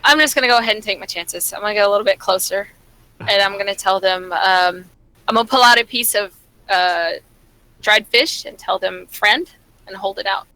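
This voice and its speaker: A woman's voice: medium pitch, brisk, bright, forceful tone, low-quality recording. A woman chatting casually as a player in a tabletop game, describing what her character does.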